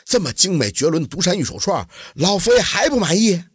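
A man storyteller voicing an anxious, flustered provincial official who frets excitably. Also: medium pitch, a little fast, slightly rough, voice pushed down. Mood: fretful. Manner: excitable and fretful.

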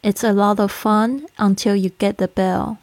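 Woman, podcast host, teaching, patient explaining, slows down on examples, close dry mic. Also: medium pitch, fairly even intonation, a little mellow, dry recording. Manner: patient explaining, slowing down to spell out example phrases. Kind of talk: language-lesson podcast.

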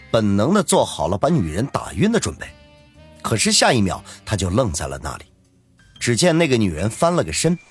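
A man narrating a serialized web novel in a dramatic storytelling manner. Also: medium pitch. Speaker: audiobook narrator.

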